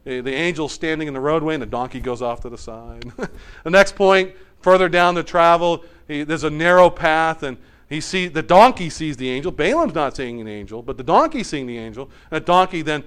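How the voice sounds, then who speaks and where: Man, high voice, animated storytelling preacher who acts out the voices. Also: brisk, smooth. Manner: storytelling, acts out the characters' lines; animated, swings between loud and quiet. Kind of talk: sermon.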